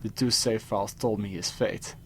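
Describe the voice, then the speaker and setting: A man reading a scripted first-person horror story, dramatically, with pauses for suspense. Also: fairly low pitch, fairly even intonation, a bit bright, slightly rough. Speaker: creepypasta narrator. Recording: music behind the voice. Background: music.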